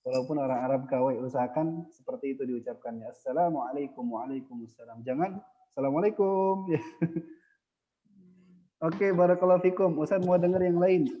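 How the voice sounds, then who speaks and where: A man's voice: fairly high pitch, steady tone, a little fast, pauses often, big-room sound, lo-fi sound. A male teacher running an online Arabic lesson, patient and adding a short "ya" after most phrases.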